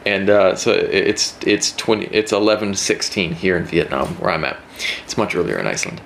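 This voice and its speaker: A man's voice: low voice, normal speed, gravelly, fairly bright tone, a little hiss or hum. A man hosting a casual interview from his home at night, joking around and asking rambling questions. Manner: playful, jokey, rambling questions. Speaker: podcast host.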